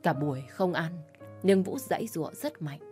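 A woman narrating an audio story in a steady, measured way. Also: lowish voice, faint music behind.

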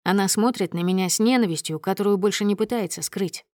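A woman narrating a first-person dramatic story at a steady, tense pace. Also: medium pitch, fast, no echo, studio quality. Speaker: audiobook narrator.

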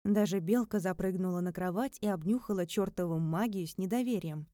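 A woman narrates a first-person story with a wry edge. Her voice is warm and mellow. The recording is dry and close to the mic. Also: lowish voice, a little fast, no room sound. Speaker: audiobook narrator. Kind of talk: scripted narration.

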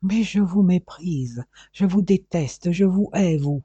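A man's voice: fairly high pitch, steady tone, normal speed, warm tone, husky, no room sound. A man voicing a proud young woman who answers coldly and bitterly, on a dull, dry recording. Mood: contemptuous. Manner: cold, firm, bitter.

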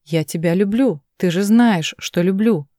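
A woman's voice: medium pitch, measured pace, dark tone, no echo, close to an everyday voice. A woman reading the lines of an angry, controlling young man who snaps and defends himself, in a dry voice. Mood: angry defensive. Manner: snapping, defensive.

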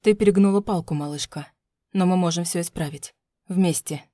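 A woman doing a controlling husband in a storybook reading, his voice pushed low and mellow. He coaxes smoothly, then turns cold and menacing, with a dry close sound. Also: moderate pace, no echo, close to an everyday voice. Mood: coaxing, menacing. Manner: smooth, coaxing, then threatening through teeth. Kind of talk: audiobook narration.

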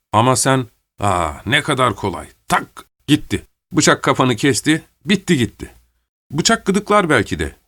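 A man's voice: mid-range voice, a bit bright, voice pushed up. Blustering gendarme, man voicing, rambling, crude, gleefully morbid. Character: simple-minded male gendarme, chatty, crude, blustering.

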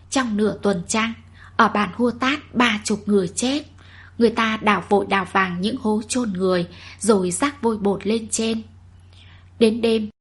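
A woman reads a literary story aloud in steady, measured scripted narration. Her voice is heavily breathy and husky throughout, pitched at an ordinary middle level.

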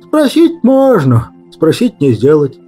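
A man voicing a cryptic old man who speaks in slow riddles, raised in pitch. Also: huge pitch swings, mellow, faint music behind, heavily acted. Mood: teasing. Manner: drawling riddling talk. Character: sly cryptic old man, calm and knowing.

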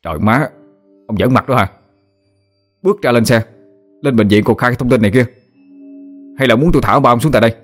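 Man doing Hổ, a hot-tempered young driver yelling. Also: fairly low pitch, steady tone, rapid-fire, soft background music, lightly acted. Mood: outraged. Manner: shouting, scolding, exasperated.

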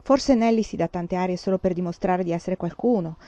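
A woman's voice: fairly low pitch, brisk, warm tone, no echo, natural voice. A woman voicing a good-humoured, easygoing pioneer father. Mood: amused. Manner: easygoing, amused. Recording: slightly dull, dry recording.

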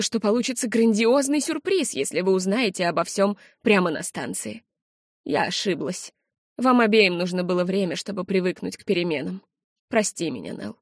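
A woman voicing a kind, remorseful older woman with soft, apologetic speech. The recording is dry and close, with no echo. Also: mid-range voice.

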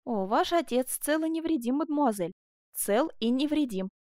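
A woman's voice: high voice, expressive, moderate pace, darkish tone, dry recording, voice pushed up. A woman reads a devoted young apprentice in an audiobook. He reassures and pleads earnestly. The tone is light and raised, close and dry. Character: devoted young male apprentice, brave and gentle.

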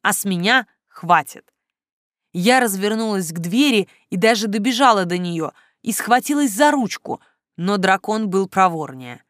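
Female audiobook narrator, first-person storytelling, expressive and emotional; mid pitch, dry booth sound. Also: normal speed, dry recording.

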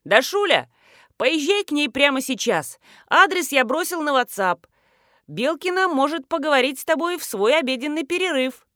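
A woman reading the part of a brisk, businesslike young man. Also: high-pitched, animated, bright, forceful tone, dry recording, studio quality, pitched above the performer's own voice.

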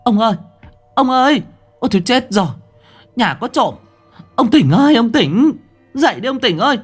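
Man doing a shrill scolding old village woman. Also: animated, moderate pace, breathy edge, soft background music, heavily acted. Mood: panicked. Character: shrill older village woman, quick-tempered.

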